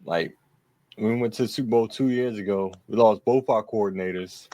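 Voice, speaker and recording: A man's voice: on the low side, brisk, mellow, no room sound. A man co-hosting a podcast, talking football in a profane, laughing, trash-talking way. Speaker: podcast co-host. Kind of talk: casual sports chat.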